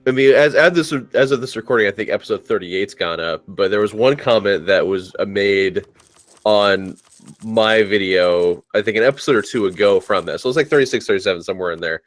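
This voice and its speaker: A man chatting over voice chat while he plays with friends. He has a lowish voice and tells loose, rambling stories. He restarts his sentences often. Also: brisk, dry recording. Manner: rambling anecdotes full of restarts. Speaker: multiplayer game player and video maker. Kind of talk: casual voice-chat banter.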